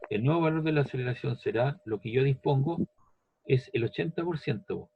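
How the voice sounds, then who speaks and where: A man with a husky, medium-pitched voice speaks fairly quickly, and the audio sounds dull. He teaches a physics lesson step by step, patiently repeating each step and checking that the student follows by asking "¿ves?" and "¿cierto?"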